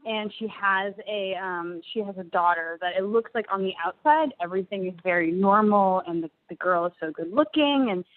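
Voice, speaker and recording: A woman's voice: mid-range voice, normal speed, hardly any pauses. A woman talking over a prison phone line, eagerly explaining things in a casual way with many "like"s. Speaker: person on the other end of a prison call.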